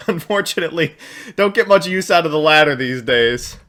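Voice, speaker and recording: A man streaming a card game, chatting casually, reading chat aloud and getting excited. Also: on the high side, normal speed. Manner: excitable, chatty, reads chat aloud and laughs at his own jokes. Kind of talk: casual live-stream commentary while playing a card game.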